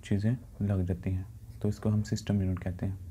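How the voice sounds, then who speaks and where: A man with a Pakistani Urdu accent teaching computer science in a recorded lecture, explaining in plain speech and reading English definitions slowly. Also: deep voice, level tone, dark tone, slight background noise. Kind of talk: recorded lecture over slides.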